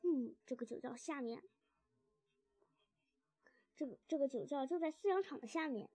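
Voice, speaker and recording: A woman's voice: high-pitched, normal speed, mellow, natural voice. A woman reading a hearty, friendly badger. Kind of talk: storybook reading.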